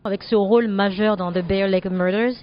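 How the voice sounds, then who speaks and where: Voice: medium pitch, fairly even intonation, normal speed. An interviewer puts short, formal questions to a guest. The voice sits in the middle range and sounds a little dull, as if recorded with limited bandwidth.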